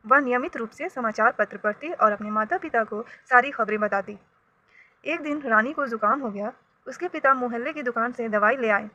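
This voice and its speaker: A woman teacher with a bright, clear voice and a slightly high pitch. She reads a storybook aloud to children and explains its words in an instructive tone, addressing her students directly. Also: dull audio.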